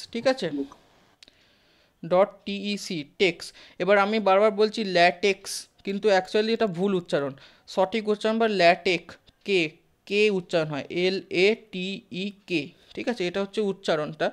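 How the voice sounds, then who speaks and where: Clear, smooth-voiced teacher lecturing a class. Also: mid-range voice. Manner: conversational, often checks in with listeners, asks the class questions; sprinkles English terms into the talk. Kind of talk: live physics class lecture.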